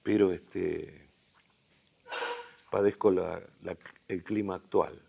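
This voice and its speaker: A hoarse man with an Argentine accent lecturing a university class, halting and restarting as he thinks aloud, with tag questions. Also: sits low, steady tone, dark tone. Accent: Argentine Spanish.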